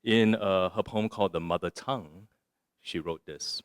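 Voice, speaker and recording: A man's voice: deep voice, moderate pace, smooth, dry recording, clean studio sound. A man from Singapore, giving a musing, conversational talk on poetry that includes a reading, and often asking his audience a rhetorical "right?". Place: arts center lecture room.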